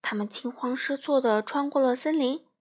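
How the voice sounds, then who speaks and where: A woman's voice: sits high, normal speed. A woman narrating a children's storybook expressively. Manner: expressive, animated.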